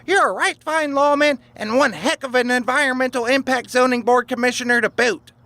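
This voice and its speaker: Man putting on a squeaky high sidekick voice, bright, teasing, sarcastic drawl, audio drama. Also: exaggerated voice.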